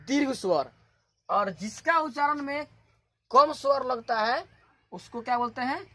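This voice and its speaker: A woman from India teaches a grammar lesson at a slow, unhurried pace. Her voice sits fairly high, and she works through each point by repeating the terms. She poses questions and then answers them herself. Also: animated, pushed and bright, no echo.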